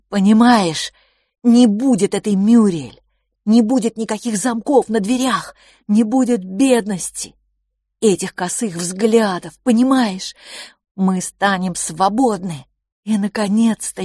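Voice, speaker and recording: A woman voicing an impassioned young boy, a dreamer quick to anger, pleading near tears in an audiobook. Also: mid-range voice, a little mellow, no room sound, studio quality, pitched above the performer's own voice. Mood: agitated pleading. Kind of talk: audiobook character voice.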